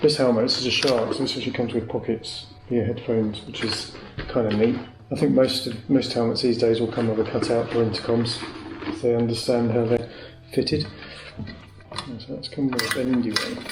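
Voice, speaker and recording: A British motorcycle gear reviewer demonstrates a product hands-on at home, chatting matter-of-factly as he thinks aloud. His voice is medium-pitched, steady, and moderately paced, in an echoey room with faint clicks and noise.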